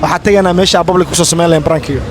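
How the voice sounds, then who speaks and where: A man hosting a casual prank vlog on a city street, chatty and quick, slipping English into his talk. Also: on the high side, crowd noise, noisy background. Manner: rapid, chatty, mixes in English phrases. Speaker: prank vlogger.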